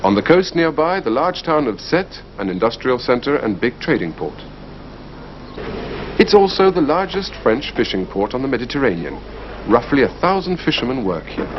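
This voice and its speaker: A man's voice: medium pitch, moderate pace. A man presenting a language course in scripted, explanatory narration. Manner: clear, explanatory, lively delivery. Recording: slightly muffled broadcast audio, faint hiss.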